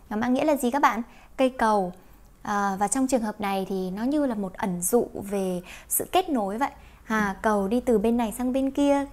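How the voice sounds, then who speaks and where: A woman with a Vietnamese accent teaching English through a song, explaining slowly, repeating words and singing lines. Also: fairly high pitch. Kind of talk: song-based English pronunciation lesson.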